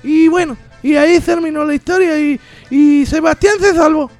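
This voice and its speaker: A man playing a rambling rustic countryman, telling a story loudly on radio. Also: extremely high pitch, fairly even intonation, normal speed, soft background music. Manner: shouting, rambling, constant "¿viste?". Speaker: comedy guest. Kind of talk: comic storytelling in character on radio. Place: radio studio.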